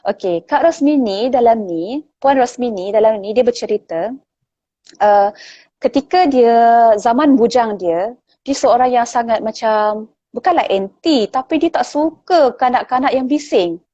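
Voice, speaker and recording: A woman, a guest in a casual book chat, retelling stories in a lively way with many fillers. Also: a little high, unhurried, dry recording, highs cut off.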